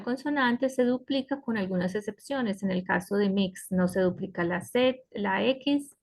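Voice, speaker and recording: A woman teaching an online English class, explaining slowly and patiently and often checking in with her students. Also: mid-range voice. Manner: slow, patient explaining with frequent checks like "¿cierto?". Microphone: computer mic on a web conference.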